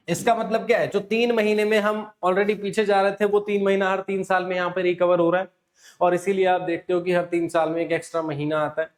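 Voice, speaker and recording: Tag-questioning teacher, slightly high voice. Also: male voice. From Rajasthan. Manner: explanatory, asks and answers himself, frequent "है ना". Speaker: exam coaching teacher. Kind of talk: classroom lecture.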